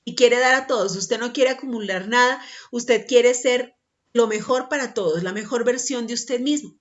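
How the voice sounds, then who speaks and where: A woman's voice: a little high, highs cut off. A woman preaching a sermon emphatically, repeating her points and checking in with the listener.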